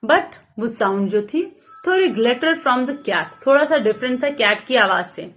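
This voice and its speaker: A young woman teacher retelling and explaining a story for a class, mixing in English lines and pausing to gloss words. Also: fairly high pitch, lively intonation, a bit bright, soft background music.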